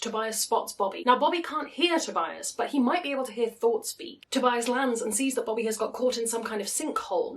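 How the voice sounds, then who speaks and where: A higher-voiced woman presents a book review, moving between scripted recap and wry, chatty asides. She is picked up at some distance from the microphone. The sound is very echoey, as in an attic. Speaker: book review channel host. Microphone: backup camera microphone, not close. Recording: very echoey attic, off external mic.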